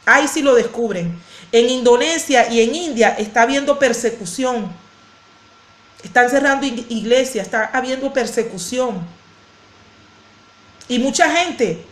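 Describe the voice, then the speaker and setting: A woman's voice: on the high side, expressive, normal speed. A woman pastor preaching a sermon, fervent and given to repeating phrases and restarting words. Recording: echoey room.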